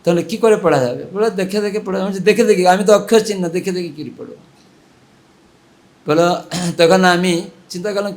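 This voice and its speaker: A monk preaches to a village gathering, telling stories and rising into exhortation and chant. His voice sits a little higher than most men's and stays animated. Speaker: monk giving a religious class. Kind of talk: storytelling sermon with chanting.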